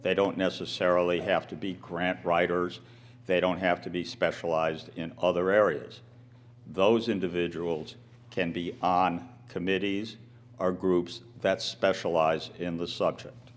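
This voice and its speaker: A man giving plain, deliberate explanatory remarks at a town meeting. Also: sits low, level tone. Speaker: speaker on town governance.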